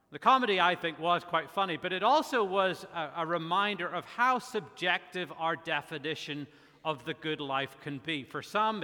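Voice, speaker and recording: A middle-aged pastor with a faint Northern Irish accent, his voice pitched a little high and ringing brightly. He preaches in a measured way, often pausing on "uh". The sound trails off in the long reverb of a church sanctuary. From Northern Ireland. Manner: measured, with frequent "uh" fillers. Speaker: guest pastor. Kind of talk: sermon.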